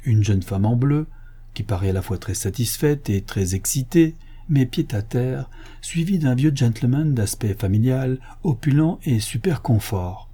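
A man's voice: mid-range voice, lively intonation, a little slow, warm tone, breathy edge. A man reading a short story aloud as narrator, with a wry storytelling manner. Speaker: audiobook reader. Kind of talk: scripted narration.

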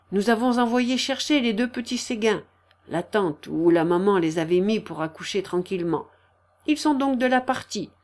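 A woman playing a loud, jolly bon vivant. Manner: booming, laughing, cheerful chatter. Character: jovial hearty middle-aged man, loud bon vivant. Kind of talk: audiobook character reading.

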